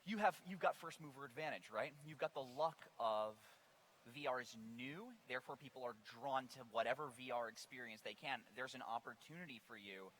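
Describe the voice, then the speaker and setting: Bright-voiced male panel moderator. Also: mid-range voice, brisk, poor audio. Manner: probing, builds long questions with restarts. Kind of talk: interview questions on stage. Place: conference stage before an audience.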